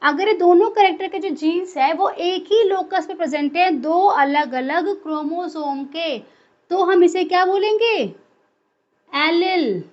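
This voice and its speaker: High-voiced woman teaching biology. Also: a little slow, highs cut off. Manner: asks questions then answers them herself. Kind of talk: classroom lecture.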